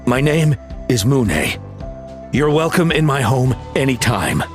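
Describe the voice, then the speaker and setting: A man voicing a caring older father of a warrior in a game cutscene, earnest, gentle and courteous. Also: mid-range voice, sing-song, takes it slowly, faint music behind. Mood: relieved, grateful. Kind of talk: dramatic video game cutscene dialogue.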